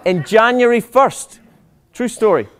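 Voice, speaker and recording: A man, a doctor, giving a public lecture, animated and full of rhetorical questions to the audience. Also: extremely high pitch, measured pace, clean tone.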